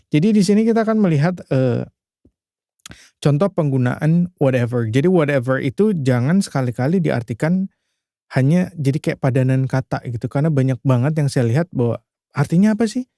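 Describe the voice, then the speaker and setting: Chatty tutor from Indonesia, mellow tone. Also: male voice, medium pitch, no room sound, clean studio sound. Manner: chatty, loose, many filler tags and restarts. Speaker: English tutor. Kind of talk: casual screen-share language lesson.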